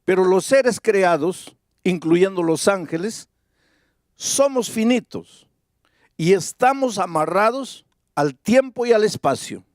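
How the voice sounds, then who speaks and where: A man preaching a sermon, reading scripture aloud and posing rhetorical questions in a slow, deliberate manner. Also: sits high, expressive, no room sound, studio quality. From Peru. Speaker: pastor. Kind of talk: evangelistic sermon. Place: large evangelistic campaign venue.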